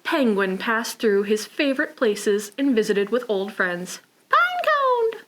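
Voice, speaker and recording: A library preschool storytime host reads aloud to small children, speaking simply and encouragingly. Her voice is medium-pitched and her pace measured.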